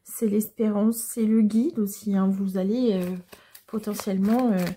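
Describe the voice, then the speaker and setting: Soft-voiced woman giving a tarot reading. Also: mid-range voice, fairly even intonation, breathy edge. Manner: gentle, hesitant explaining with frequent pauses. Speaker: tarot card reader. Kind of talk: casual tarot reading to viewers.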